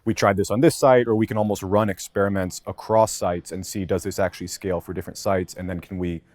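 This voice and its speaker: A man talks quickly in a fairly low voice, working through his thoughts as he goes with frequent restarts and hedges. He is a podcast guest speaking casually from an office, and the sound is dry and close with no room echo. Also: fairly even intonation, a little mellow. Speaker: content marketing lead, podcast guest. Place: office with many desks.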